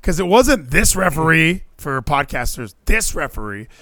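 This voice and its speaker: Animated man talking football, lively pitch. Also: normal speed, no echo. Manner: animated, swearing, lots of fillers. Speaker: podcast co-host. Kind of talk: casual sports chat.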